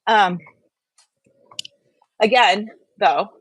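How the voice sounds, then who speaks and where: A woman with a mid-range, slightly rough voice speaks very slowly while walking on a treadmill at home, warming up during a casual livestream for her wellness channel. She addresses viewers frankly through earbuds. The audio has no room sound but is rough overall.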